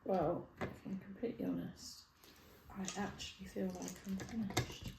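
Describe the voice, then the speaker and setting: A woman's voice: medium pitch, steady tone, normal speed, vocal fry, darkish tone. A woman co-hosting a building video, chatting casually and joking as she builds. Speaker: co-host. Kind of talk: casual chat while building. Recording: echoey room with background noise.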